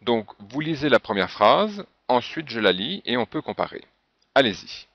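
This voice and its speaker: A man's voice: mid-range voice, big pitch swings, normal speed, vocal fry, no echo. A man teaching a French pronunciation lesson, patiently spelling out example words one by one. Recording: dull, dry lo-fi recording.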